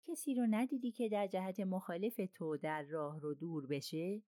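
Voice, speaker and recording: Grave, pressing male railway director in an audiobook, voiced by a woman in her own low, dry tone. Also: mellow, no room sound, natural voice. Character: firm, earnest male railway company director.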